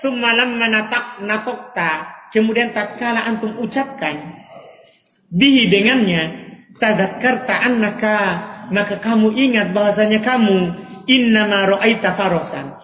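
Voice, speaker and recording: High-voiced man teaching grammar. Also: a little slow, fairly bright tone, slight background noise. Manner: questioning students, playful examples. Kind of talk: classroom lesson. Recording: echoey hall, dull audio.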